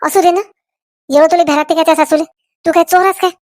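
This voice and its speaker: A woman plays a chatty, scolding village aunt in a cartoon. She talks on and on in a high voice. The sound is close and dry. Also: steady tone, fast talker, darkish tone, no echo. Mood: gossipy. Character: gossipy middle-aged village aunt, meddling. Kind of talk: cartoon voice acting.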